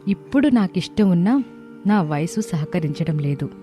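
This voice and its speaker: Woman voicing a wistful older mother-in-law, slow, mellow, heartfelt, faint music. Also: on the low side, lively intonation, natural voice. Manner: slow, heartfelt reading of her diary.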